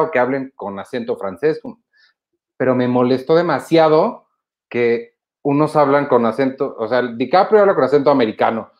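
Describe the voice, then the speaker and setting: Opinionated podcast host, dull sound. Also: medium pitch. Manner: opinionated, runs the listener questions. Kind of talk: casual chat.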